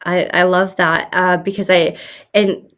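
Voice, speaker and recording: A woman's voice: fairly low pitch, level tone, measured pace, a bit bright. A woman hosting a podcast, chatty and affirming, often restarting her phrases. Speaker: podcast host. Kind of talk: conversational interview.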